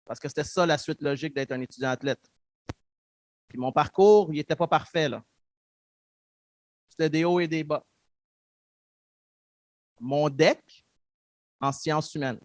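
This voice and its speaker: In a dry recording, a guest speaker from Montreal, a man in his thirties with a Québécois French accent, speaks a little slowly in a slightly high voice and pauses often. His public talk is earnest and reflective about his own story, and he acts out remembered dialogue.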